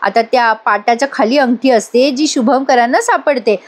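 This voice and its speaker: A woman's voice: on the high side, moderate pace. A woman narrating a voice-over review of a TV serial episode. She speaks straight to her viewers and reads out each character's lines herself.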